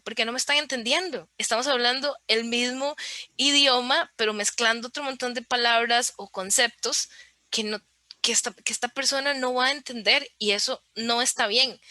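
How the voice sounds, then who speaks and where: Bright-voiced woman explaining accessibility. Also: fairly high pitch, no room sound, studio quality. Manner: clear, didactic, explains with examples. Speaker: podcast guest on accessibility. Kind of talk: explanatory interview talk.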